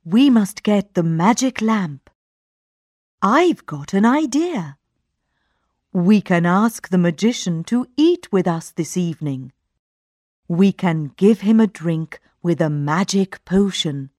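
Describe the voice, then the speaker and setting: Aladdin, a woman doing a calm young man. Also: fairly low pitch, takes it slowly, no echo, studio quality.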